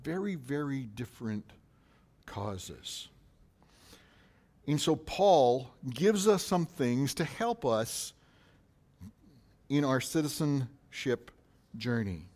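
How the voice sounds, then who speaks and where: A pastor preaching a sermon, asking questions in a rising voice and answering them more quietly. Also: male voice, medium pitch, sing-song, takes it slowly, long pauses.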